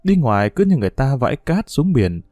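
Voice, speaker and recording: A male narrator reads a story with a lively, expressive, rising and falling delivery. His voice is mellow and warm. The recording is dry and close, with soft music underneath. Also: mid-range voice, brisk, no room sound.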